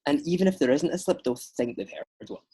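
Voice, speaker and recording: Husky Scottish man, chatty. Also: fairly high pitch, a little fast. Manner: chatty, animated storyteller with many fillers. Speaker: actor guest. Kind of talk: casual podcast chat.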